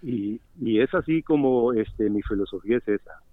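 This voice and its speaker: A man's voice: medium pitch, dry recording. Costa Rican man, organic farmer, reflective, heard on a thin dry phone call. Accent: Costa Rican Spanish. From Costa Rica. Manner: earnest, reflective, unhurried. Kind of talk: phone interview. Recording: dry tinny phone line.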